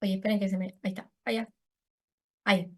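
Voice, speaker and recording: A woman's voice: mid-range voice, little pitch movement, fast talker, dark tone. A woman giving an explanatory lecture to an audience, correcting herself as she goes. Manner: explanatory, uses voseo, self-corrects. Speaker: speech therapist giving a talk.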